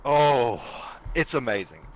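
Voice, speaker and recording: A man's voice: medium pitch, lively intonation, slow pace, a little hiss or hum, low-quality recording. A man guesting on a casual podcast, talking eagerly and explaining things at length. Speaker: guest streamer.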